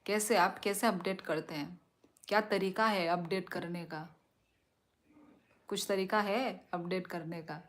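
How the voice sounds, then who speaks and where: A young woman from Tripura in northeast India, a native Kokborok speaker, chatting slowly on a live stream as she reads viewer comments aloud and answers them. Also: lowish voice, fairly even intonation.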